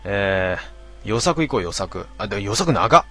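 Low-voiced man grumbling through a stream. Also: lively intonation, unhurried, a bit bright, soft background music. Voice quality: frequent throat clearing. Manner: grumbling, talks to himself, mock-annoyed asides. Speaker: livestream host reading listener comments. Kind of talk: casual late-night stream chat.

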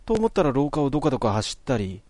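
A man voicing a stubborn, level-headed young woman in a horror game, speaking with calm, matter-of-fact insistence. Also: medium pitch, quick pace, dry recording, voice pushed up. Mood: insistent.

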